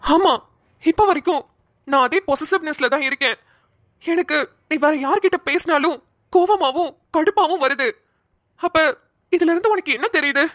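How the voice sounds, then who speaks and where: A woman's voice: high-pitched, a bit bright, dry recording, clean studio sound. A woman voicing a young man, a shy childhood friend who hesitantly confesses his love. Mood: earnest. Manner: hesitant, halting speech.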